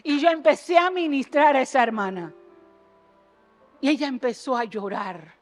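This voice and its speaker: A woman preaching an impassioned sermon in a church, jumping between loud exhortation and low earnest asides and firing rhetorical questions at the congregation. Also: animated, moderate pace, faint music behind. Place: church sanctuary.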